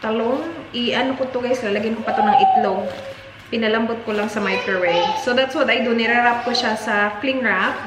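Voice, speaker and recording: A woman, a mother, casually vlogging from her home kitchen, chatting to viewers with lively exclamations. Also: on the high side, moderate pace. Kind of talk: casual home vlog, mixing Tagalog and English. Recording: echoey room, faint background hum.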